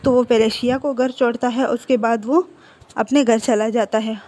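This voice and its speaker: Woman storyteller, casual recap, high mellow tone. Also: steady tone, normal speed. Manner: conversational, with repeats and restarts. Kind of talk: casual retelling of fan fiction.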